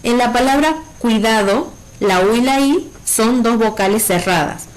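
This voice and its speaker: Patient woman teacher explaining slowly. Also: on the high side, low-quality recording. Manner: clear, patient explaining with checking "¿sí?". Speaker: primary school teacher. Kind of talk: recorded virtual lesson.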